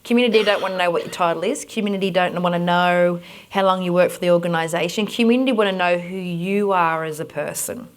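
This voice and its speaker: Energetic Australian woman leading a workshop. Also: on the low side, fast talker. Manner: direct, energetic and instructing. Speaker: workshop presenter. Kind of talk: conference workshop talk.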